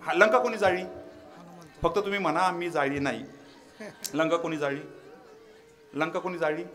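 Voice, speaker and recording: Bright high-voiced man preaching a kirtan. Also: fairly even intonation. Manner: quizzes the audience, urging quick answers; mixes scripture with humorous anecdotes. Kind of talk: devotional kirtan sermon with audience call-and-response. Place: devotional gathering before a live audience.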